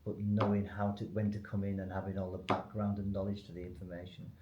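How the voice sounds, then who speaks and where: Talking fast in a low, monotone voice with lo-fi sound, a company spokesman explains things off the cuff in a business webinar. His delivery is informal and loosely organized, recorded in an echoey room with faint noise.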